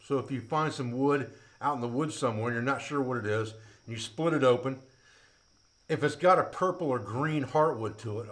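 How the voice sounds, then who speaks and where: A middle-aged man teaching outdoor skills in a plain, practical way. He talks as he works with his hands, at an ordinary pitch for a man. He is picked up by a camera mic a few feet off. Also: a bit bright. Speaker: bushcraft instructor. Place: outdoors by woods, then an open-sided metal shed.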